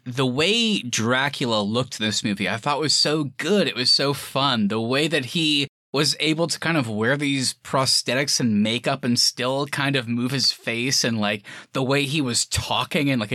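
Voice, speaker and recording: Male podcast host, bright and forward, enthusiastic informal movie talk, close dry sound. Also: mid-range voice, no room sound. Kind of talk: casual film review chat.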